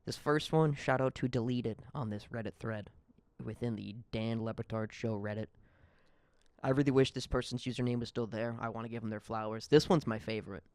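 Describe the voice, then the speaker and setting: A man's voice: mid-range voice, steady tone, fairly quick, a little mellow, smooth, no echo. A young man hosting a solo podcast, ranting in a rambling, profane, heated way. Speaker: podcast host. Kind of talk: solo comedic podcast rant.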